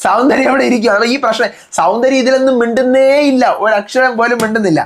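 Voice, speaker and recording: A man who reviews a TV reality show, giving a fast, casual recap and acting out the lines he quotes. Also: extremely high pitch. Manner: animated retelling, acts out quoted lines.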